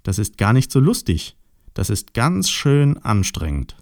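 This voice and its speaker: A man voicing a small, weepy Easter bunny in a storybook, with a squeaky, sobbing and excitable manner. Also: a little slow, no room sound, studio quality. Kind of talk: storybook voice acting.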